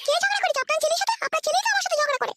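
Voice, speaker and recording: A woman's voice: extremely high pitch, very fast, over loud music. A woman doing a whiny young cartoon wife. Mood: complaining. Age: young adult. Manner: whining, complaining. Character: young village wife, demanding and shameless. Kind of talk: cartoon voice acting.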